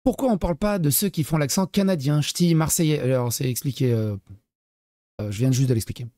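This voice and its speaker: A man's voice: on the high side, fairly quick, warm tone, no echo, studio quality. Sarcastic man streaming reaction commentary. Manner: sarcastic, mocking asides; reads chat messages aloud. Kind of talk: casual live-stream commentary.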